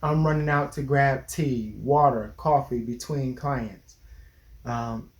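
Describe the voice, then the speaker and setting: A man's voice: mid-range voice, slow pace, a little hiss or hum. Earnest man giving relationship advice. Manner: earnest, lecturing, restarts mid-sentence. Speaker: therapist co-host. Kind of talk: casual advice chat.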